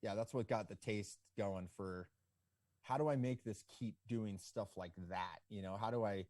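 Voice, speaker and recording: A man of around forty, a guest on a podcast interview, telling his story in a relaxed, rambling way full of "like" and "you know". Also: on the low side, normal speed, no room sound, studio quality. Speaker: podcast guest, ski business owner.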